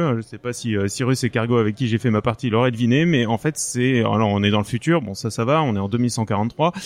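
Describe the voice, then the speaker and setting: A man's voice: medium pitch, no room sound. Man, podcast panelist, casual board game review, explanatory, dry humour, close dry sound.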